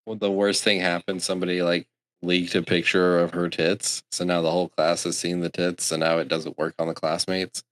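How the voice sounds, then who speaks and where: A man's voice: sits low, little pitch movement, moderate pace, fairly bright tone, a little hiss or hum. A man co-hosting a podcast in casual chat, wry and laid-back, swearing now and then. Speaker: podcast co-host.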